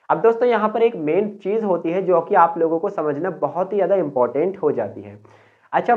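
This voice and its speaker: A man from Uttar Pradesh, India, giving a spoken English lesson. He explains step by step and slows down to model each phrase. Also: on the high side. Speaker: English teacher. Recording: tinny phone-like sound.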